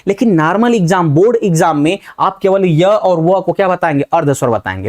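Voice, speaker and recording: A man's voice: high-pitched, darkish tone. Man teaching grammar, quizzing the class. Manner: repeats questions to students and answers them himself. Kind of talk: exam-prep Hindi grammar lesson.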